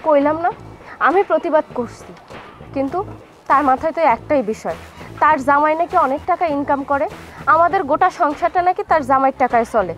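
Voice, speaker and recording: A woman's voice: high voice, fairly quick, fairly bright tone. An actress playing a young wife who complains about her sister-in-law, with a colloquial Bangladeshi Bengali accent. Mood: complaining. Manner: complaining, then placating. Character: young wife urging her husband to calm down. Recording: with faint background music.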